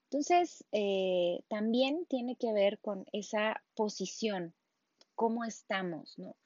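A woman's voice: medium pitch, slow, a little mellow, dry recording, muffled recording. A woman gives a casual sermon, talking conversationally and often checking in with the listener. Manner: conversational, frequent tag questions and restarts. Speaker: preacher.

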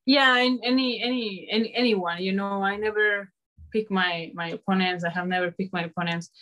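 A young woman fighter answering interview questions in a halting, hesitant way with many restarts. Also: medium pitch, fairly even intonation, fairly bright tone. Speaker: mixed martial arts fighter.

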